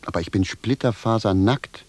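A man playing a gruff, bewildered peasant shoemaker. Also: lowish voice, normal speed, darkish tone, dry recording, lightly acted. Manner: gruff, plain-spoken, indignant. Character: blunt, bewildered peasant shoemaker, newly revived. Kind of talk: 1970s radio drama acting.

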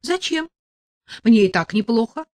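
A woman voicing a sharp-tongued, sarcastic young woman who snaps back in a high, shrill voice. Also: animated, measured pace, no room sound. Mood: feisty, sarcastic.

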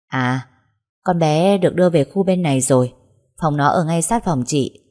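A woman's voice: sits low, normal speed, a little mellow, lightly acted. A woman voicing a polite, deferential housemaid who speaks respectfully to the heroine. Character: polite middle-aged female housemaid, deferential.

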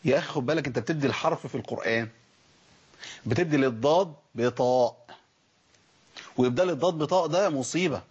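Fast-talking Egyptian sheikh teaching recitation. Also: male voice, mid-range voice, breathy edge, dull audio. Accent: Egyptian Arabic. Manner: lively, demonstrates recited words slowly and stretched. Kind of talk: Egyptian colloquial lesson on letter pronunciation.

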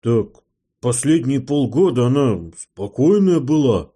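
A man reading an audiobook and voicing a hot-tempered male gnome mechanic who shouts and swears, in a husky voice. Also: medium pitch, very animated, a little slow. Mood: defensive.

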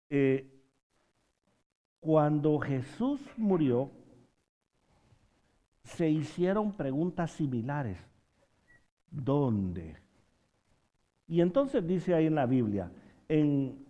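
Lively, unhurried male preacher. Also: a little high, lo-fi sound. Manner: rhetorical questions with frequent "¿verdad?" tags; humorous asides. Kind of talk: sermon.

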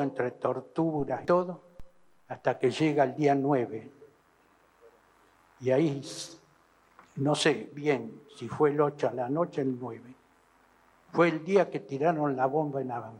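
A man with an Argentine Spanish accent giving slow, broken witness testimony, often restarting and repeating himself. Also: medium pitch, breathy edge. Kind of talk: halting spoken testimony. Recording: archival recording in a reverberant hall.

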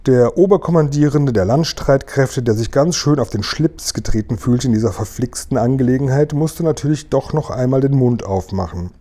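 Mellow man reading a children's book. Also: medium pitch, animated, normal speed, hardly any pauses. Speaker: reader.

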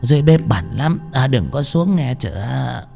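A man voicing a hunched, wrinkled old woman who talks haltingly and quaveringly, with drawn-out filler sounds. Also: medium pitch, very animated, darkish tone, faint music behind, pitched above the performer's own voice, heavily acted. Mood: insistent. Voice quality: quavering and breathy.

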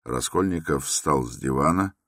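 A man narrating a classic novel as an audiobook in a measured, expressive way. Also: a bass voice, no room sound, clean studio sound. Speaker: audiobook reader.

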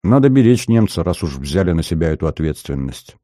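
Calm wry lieutenant, low dark voice, steady orders, read by a man. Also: a little fast, dry recording, clean studio sound. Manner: level, commanding, wry. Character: calm young male lieutenant, dry commander.

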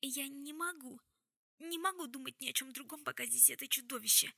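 A woman reading an audiobook, voicing a hysterical young woman who sobs and pleads in a shrill voice. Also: expressive, brisk, gravelly, pushed and bright, no echo, heavily acted. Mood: tearful. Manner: sobbing, shrill, near screaming.

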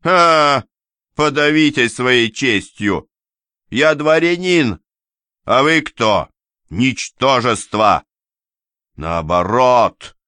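A man's voice: mid-range voice, sharp tone, no echo, studio quality, pitched above the performer's own voice, natural voice. A man voicing an insolent, sneering young nobleman who mocks his in-laws. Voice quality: brash, mocking.

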